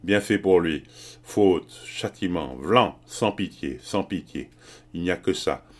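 A man's voice: sits low, expressive, slow pace, exaggerated voice. A man reading the part of a harsh, tireless mustached colonial agent who talks in a brusque, blustering way.

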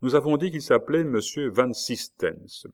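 A man narrating a classic novel as a scripted audiobook in a measured, literary reading. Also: mid-range voice, animated, darkish tone.

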